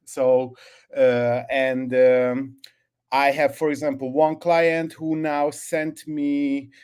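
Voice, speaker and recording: A man from Hungary, a new agency owner, calls in with questions in a casual exchange. His voice is mid-range, level, slow, a little mellow, clear and resonant, yet his speech is hesitant, full of fillers and restarts.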